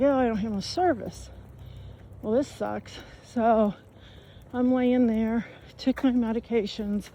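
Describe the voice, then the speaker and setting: A woman's voice: on the high side, dark tone, slight background noise. A woman telling a camping story while walking outdoors, out of breath, rambling and colloquial with lots of fillers. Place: outdoors on a riverside trail.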